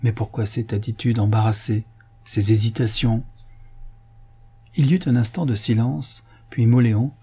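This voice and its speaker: A man narrating a French detective novel as an audiobook, in a measured storytelling manner. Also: mid-range voice, steady tone, mellow, husky. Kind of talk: scripted narration.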